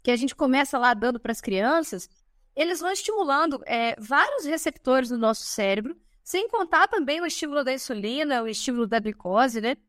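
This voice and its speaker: In a relaxed podcast conversation, a Brazilian woman in her thirties talks briskly in a high register, lively and chatty. She keeps tacking a questioning "né?" onto her sentences, and the studio-quality audio has no echo.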